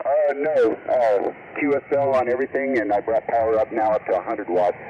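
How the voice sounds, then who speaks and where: A middle-aged or older man comes through a crackly, military-sounding shortwave radio, muffled and buried in clear static. He talks in halting, courteous procedural phrases, like an operator checking in with a call sign. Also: medium pitch, steady tone. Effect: crackly two-way shortwave radio.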